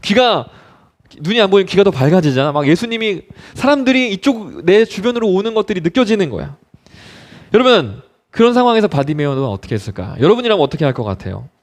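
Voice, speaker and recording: A male youth pastor preaching a sermon, telling a story with animated drama and asking the listeners questions. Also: sits high, quick pace.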